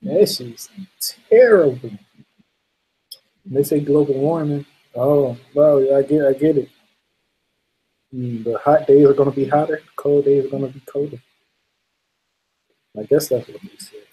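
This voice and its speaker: A man's voice: medium pitch, unhurried, pauses often, dark tone, husky, poor audio. A man hosting a casual late-night livestream, laid-back and laughing often as he reads out viewer comments. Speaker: livestream host.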